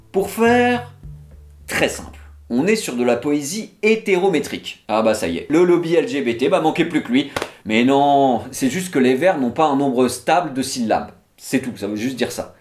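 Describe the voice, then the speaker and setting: A man with a French accent giving a casual, chatty talk about poetry, full of little fillers. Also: mid-range voice. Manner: chatty, lively, many "bah" and "hein" fillers. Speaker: literature video host.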